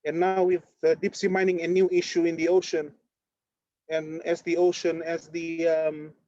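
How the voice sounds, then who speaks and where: A man, giving a halting, filler-heavy talk over a video call from on board a ship. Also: a little high, monotone, mellow, no room sound, lo-fi sound. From Fiji. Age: 30s. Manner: halting, many fillers and restarts. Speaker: activist presenter.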